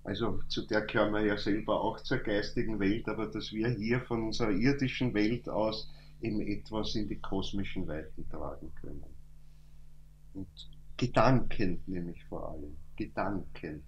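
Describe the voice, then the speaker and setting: A man giving a calm, thoughtful spoken lecture, reciting verse slowly at times. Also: on the low side, highs cut off. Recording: echoey room, faint hum.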